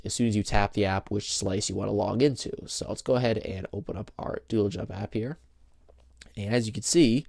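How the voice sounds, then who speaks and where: A tech tutorial host, young and male, demos a phone on screen from an indoor table, the camera mic positioned behind the phone he holds. He talks in a low, slightly gravelly voice with a darkish tone, chatty and plain-spoken, using fillers and an occasional sheepish chuckle. The audio is dry, free of room reverb.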